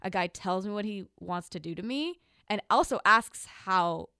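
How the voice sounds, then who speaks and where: A woman's voice: mid-range voice, animated, moderate pace, pushed and bright, clear, resonant tone, no echo, studio quality. A young woman talking candidly in a casual chat, full of "like" fillers. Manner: frequent "like" fillers, giggly and candid.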